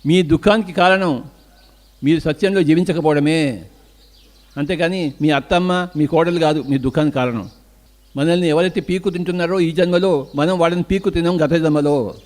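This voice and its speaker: A man's voice: a little high, moderate pace. An older man with a Telugu accent giving an emphatic spiritual discourse as a meditation teacher, asking questions and answering them himself.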